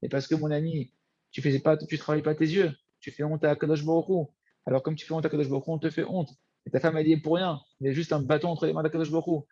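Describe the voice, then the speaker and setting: A man teaching a Torah lesson, lively and repetitive, often addressing his listeners as friends. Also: on the high side, quick pace, muffled recording. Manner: animated, repeats words, addresses listeners as friends. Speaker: rabbi teaching.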